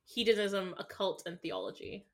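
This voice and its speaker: A woman's voice: medium pitch, fairly even intonation, moderate pace, vocal fry. A woman guest on a podcast who chats about games in an upbeat, talkative way. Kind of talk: casual chat.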